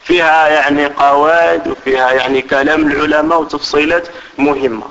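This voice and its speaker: A man's voice: fairly high pitch, fairly even intonation, fairly quick, a bit bright, muffled recording. A man with an Algerian Arabic accent giving a religious lesson, explaining carefully, repeating his points and checking that listeners understand. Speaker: religious teacher.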